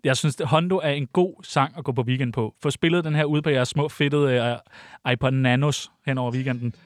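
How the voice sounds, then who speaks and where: A man's voice: medium pitch, no room sound. A young man, co-hosting a podcast and trading teasing banter in a casual chat. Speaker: podcast co-host.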